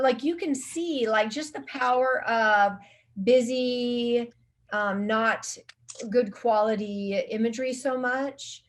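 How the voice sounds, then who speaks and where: A woman speaking as a marketing guest in a casual interview. She rambles, restarts her sentences and uses lots of filler words. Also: a little high. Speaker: guest social media marketing specialist.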